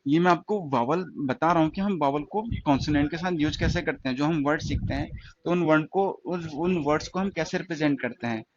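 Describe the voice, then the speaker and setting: Male shorthand tutor, slightly high-pitched, steady repetitive classroom delivery, muffled lo-fi audio. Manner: slow, repetitive explaining with questions to students. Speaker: stenography teacher. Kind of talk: classroom lesson.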